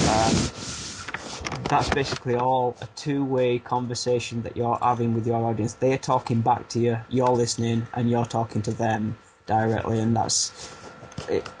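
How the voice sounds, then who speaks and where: In a low-quality recording with a little hiss or hum, a man in his thirties from Barnsley, England, talks casually in an interview with a Yorkshire accent. A former music producer now coaching, he rambles self-deprecatingly, restarting often and using fillers, in a mid-range voice with a darkish tone.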